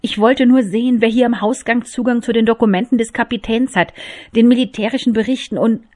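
A woman's voice: on the high side, fairly even intonation, brisk, a little mellow, pitched above the performer's own voice, lightly acted. Woman doing a frightened, breathless young maid. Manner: breathless, pleading. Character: young female maid, frightened but defiant.

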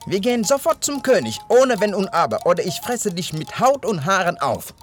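Ein Mann als wütende, laute Hyäne. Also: male voice, mid-range voice, wildly swooping pitch, slow pace, faint music behind, pitched above the performer's own voice. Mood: furious. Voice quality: loud, forceful put-on voice. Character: fierce male hyena suitor, strong and short-tempered.

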